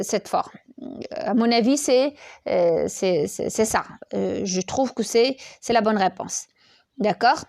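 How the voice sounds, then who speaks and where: A woman's voice: mid-range voice, creaky, a little mellow, dry recording, clean studio sound. A woman teaching an online lesson, hesitant, repeating words and checking in with the class often.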